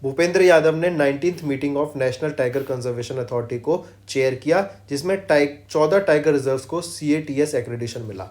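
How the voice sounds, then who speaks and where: A man with a slightly high voice teaches a current affairs lesson for exam prep. He keeps firing short quiz questions, answers them himself and stresses what to remember. He slides between Hindi and slowly read English lines. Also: a little mellow. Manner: drills facts with quick quiz questions and repeats, mixing English phrases into Hindi; slows right down to read English lines word by word.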